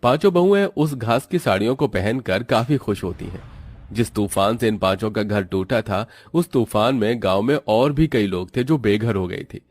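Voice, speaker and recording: A man narrates a cartoon moral story, walking the listener steadily through each event. His voice sits on the low side, and his delivery is calm and even. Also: moderate pace, no echo, soft background music.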